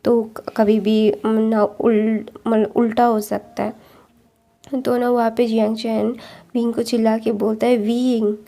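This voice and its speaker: A woman narrates a long story in a loose, chatty way, filling pauses and restarting her sentences. Her voice sits fairly high but barely moves in pitch. The tone is dark and mellow. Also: little pitch movement, creaky. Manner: rambling, many fillers and restarts.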